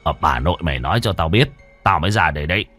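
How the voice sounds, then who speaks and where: A man voicing a gruff old grandfather who speaks low and hurried. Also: lively intonation, a bit bright, soft background music. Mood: urgent.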